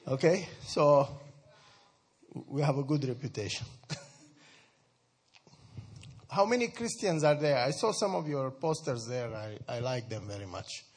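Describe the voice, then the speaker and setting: A man's voice: mid-range voice, a little mellow, husky. A man from Sudan, giving a conversational talk to a church group, asking his listeners questions and laughing often. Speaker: speaker addressing a church group. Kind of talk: informal talk to an audience.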